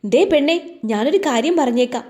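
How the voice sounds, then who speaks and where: A woman plays a shrill, bossy middle-aged housemaid in a read-aloud story. Her voice rides high and loud, snapping out scoldings in quick bursts, yet keeps a mellow, soft-edged tone. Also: lively intonation.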